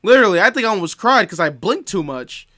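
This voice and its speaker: A man's voice: sits high, big pitch swings, quick pace, pushed and bright. A male streamer making sarcastic, mocking asides while watching a show. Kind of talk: casual stream commentary.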